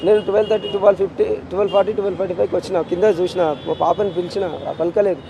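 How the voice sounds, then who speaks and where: Distraught Telangana father, fast and high. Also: little pitch movement, gravelly, noisy background. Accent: Telangana Telugu. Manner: insistent, repetitive, emotional pleading. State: distraught with grief. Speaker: interviewee, grieving father. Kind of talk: street interview.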